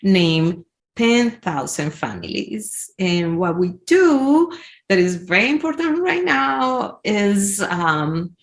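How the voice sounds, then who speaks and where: Unhurried Colombian woman on a video call. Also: medium pitch, creaky. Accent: Colombian Spanish. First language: Spanish. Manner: warm, laughs often, uses expressive hand gestures. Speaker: guest. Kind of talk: casual video-call interview. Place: home room with brick wall and plants. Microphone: video call webcam.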